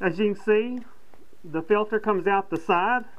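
A man's voice: high voice, measured pace. A middle-aged man who hosts a prepper video, speaking muffled through a gas mask as he casually demonstrates gear in a plain-spoken way.

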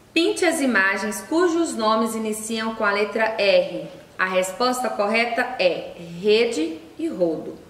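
A woman teacher patiently going through worksheet answers for first graders, spelling out syllables one by one. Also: fairly high pitch. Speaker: primary school teacher. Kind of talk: slow worksheet correction lesson. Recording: roomy echo, voice a bit far off.

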